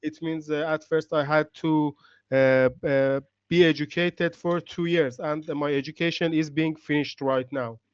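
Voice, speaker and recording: A man's voice: a little high, steady tone, unhurried, smooth, no echo, highs cut off. A man introducing himself on a class call, careful and hesitant with many fillers. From Iran. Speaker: student participant.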